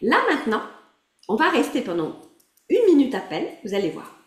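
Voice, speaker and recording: A woman's voice: fairly high pitch, big pitch swings, moderate pace. A woman coaching a group through an emotional exercise over a video call, encouraging and laughing often as she calls on people by name. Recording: roomy echo.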